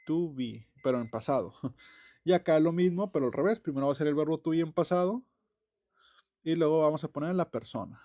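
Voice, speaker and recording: A man giving a casual online English grammar lesson, chatty and relaxed, with many fillers and self-corrections. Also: on the high side, fairly quick. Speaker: English teacher.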